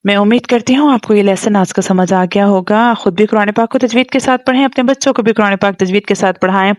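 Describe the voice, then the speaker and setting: A woman gives a tajweed lesson, spelling words out letter by letter in long, drawn-out recitation before explaining quickly. Her voice is medium-pitched, with no room sound.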